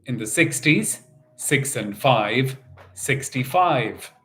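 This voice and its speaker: Slow, sing-song male bingo caller. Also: medium pitch, animated, a bit bright, soft background music. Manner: measured, sing-song repetition of each number. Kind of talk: bingo calling, numbers chanted in set phrases.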